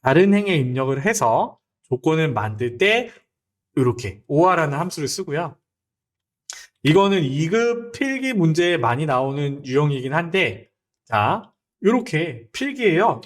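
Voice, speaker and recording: A young man lecturing on a spreadsheet exam, his voice pitched high and swinging up and down as he goes. He keeps asking his viewers questions and checking that they follow, in the manner of a lively online tutor. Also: unhurried. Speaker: teacher.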